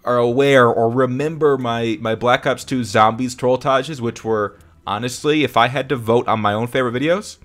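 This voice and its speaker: Upbeat rambling young man streaming. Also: mid-range voice. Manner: rambling, self-correcting, upbeat. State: hiccuping. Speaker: streamer hosting a live commentary. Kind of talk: casual live-stream chat.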